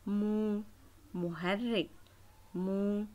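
A woman teacher leading a children's Arabic letter lesson, sounding out syllables clearly and praising her pupils. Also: mid-range voice, fairly even intonation, dark tone. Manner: slow, clearly drawn-out syllables.

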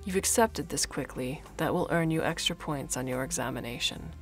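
A calm skeleton man, as a woman reads him, measured and cryptic, his voice low and hushed. Soft music plays faintly underneath. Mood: dry. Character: calm, enigmatic male skeleton guardian.

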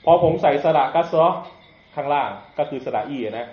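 A man giving a relaxed Islamic lecture in a mosque hall. He jokes with the audience and sounds out letters to demonstrate pronunciation. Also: fairly high pitch, normal speed. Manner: joking, conversational, demonstrates pronunciation aloud. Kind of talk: religious lecture. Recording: echoey, dull lo-fi hall recording.

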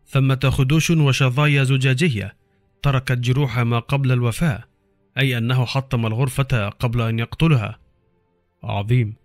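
A man's voice: medium pitch, steady tone, normal speed, dry recording, faint music behind. A middle-aged man reading a horror story aloud as a dramatic audiobook narrator.

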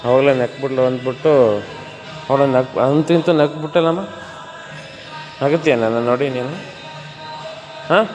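A man's voice: medium pitch, moderate pace, pauses often, a little mellow. A man coaching a client through a gym workout, counting reps and coaxing her on. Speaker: gym trainer. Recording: echoey room with music behind.

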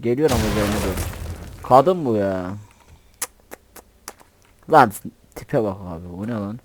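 A man giving excitable, joking commentary on his own gameplay, swearing playfully and talking to himself. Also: mid-range voice, slight background noise. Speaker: gamer.

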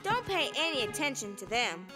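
A woman's voice: on the high side, big pitch swings, normal speed, over music. A woman voicing an outspoken, loyal teenage girl in a cartoon, frank and spirited. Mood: defensive. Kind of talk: animated series voice acting.

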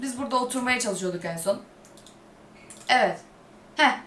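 A woman giving casual let's-play commentary as a gaming YouTuber, jumpy and quick to shriek when startled. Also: a little high. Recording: echoey room with loud game music.

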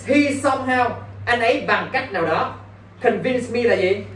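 A man's voice: extremely high pitch, normal speed, fairly bright tone. A male English teacher, giving an exam-prep lesson and constantly quizzing his students. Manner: quizzing, keeps asking "got it?". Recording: roomy, distant mic, faint background noise.

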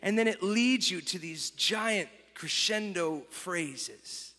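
A man telling a story as a sermon, moving from soft, reflective speech to fervent exclamations. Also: high-pitched, animated, slow pace. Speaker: worship leader. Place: large church auditorium. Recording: reverberant church hall with music.

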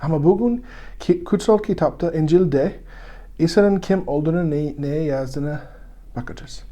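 A man with a foreign accent, still learning Turkish, teaching the Bible in simple, broken, halting sentences with frequent self-corrections. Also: a little high, mellow. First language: not Turkish, still learning it.

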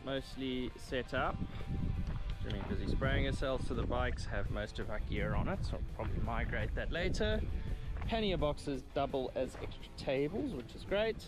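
A man's voice: mid-range voice, expressive, moderate pace, over loud music. A young man giving easygoing, upbeat running commentary as a travel vlogger at an outdoor bush campsite, recorded on an action camera. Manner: easygoing, upbeat, lots of "cool". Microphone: action camera on bike or helmet.

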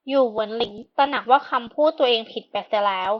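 A woman narrating a translated historical novel as an audiobook, in a steady storytelling manner. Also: a little high, fast, highs cut off, a little hiss or hum. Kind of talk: scripted narration.

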